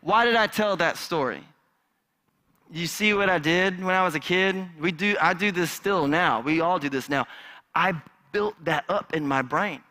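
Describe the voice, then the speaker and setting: An animated male pastor telling a story from the pulpit with a bright, forceful voice. He acts out the voices of the people in his story, and his pitch sits a little high for a man. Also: normal speed. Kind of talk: sermon with personal story. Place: church sanctuary.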